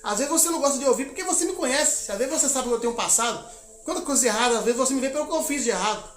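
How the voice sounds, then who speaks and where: A man's voice: extremely high pitch, lively intonation, very fast, a bit bright, roomy sound, soft background music. A man from Minas Gerais, a missionary preacher, telling a testimony in a sermon, acting out the dialogue of his story and exhorting the congregation. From Minas Gerais, Brazil.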